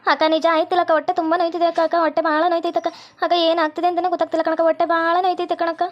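A woman's voice: extremely high pitch, flat delivery, rapid-fire, dull audio. A woman voicing a young pregnant woman in pain in a cartoon, pleading over and over, with a North Karnataka Kannada accent. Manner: pleading, repetitive.

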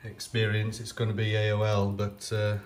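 In a completely flat, lowish voice at normal speed, this man thinks aloud while tinkering with an old computer off camera. His casual restoration-vlog commentary is hesitant and packed with fillers.

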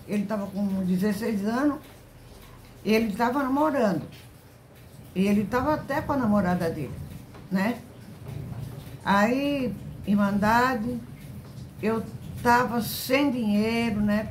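An older woman giving an emotional, halting religious testimony to her congregation, often repeating herself. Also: a little high, slight background noise. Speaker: church member giving testimony.

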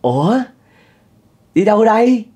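A man voicing a smooth-talking middle-aged charmer who greets debt collectors with overly warm flattery, in a Southern Vietnamese accent. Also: a little high, fairly quick, pitched above the performer's own voice. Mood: fawning.

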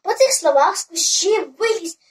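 A storyteller reading a fairy tale aloud in an expressive, lively way. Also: very high-pitched, normal speed.

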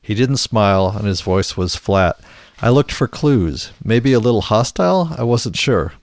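Podcast co-host, man, deep-ish, halting casual delivery with fillers. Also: lively intonation, dry recording. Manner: hesitant, many restarts and fillers. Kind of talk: casual chat, reading book excerpts aloud.

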